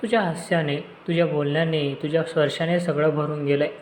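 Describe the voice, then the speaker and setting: Man reads gentle young suitor in audio story, soft coaxing voice, fairly high pitch, roomy sound. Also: little pitch movement, brisk, slight background noise, natural voice. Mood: tender. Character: gentle young man, tender friend and photographer.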